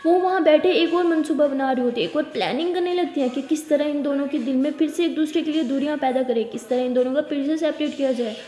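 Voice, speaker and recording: A woman's voice: sits high, fast talker, hardly any pauses, mellow. A woman telling a serialized love story for her channel in a chatty way, mixing English words into her speech. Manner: chatty, mixes English into Hindi. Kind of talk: casual story narration for video. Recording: echoey room with long reverb.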